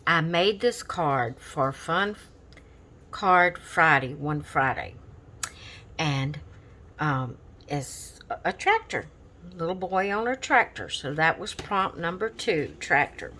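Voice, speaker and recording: A woman's voice: sits low, lively intonation, takes it slowly, pushed and bright, poor audio. A woman chatting casually to her camera at home about her coloring pages, drowsy and yawning, apologizing and trailing off mid-sentence. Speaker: vlogger showing coloring pages.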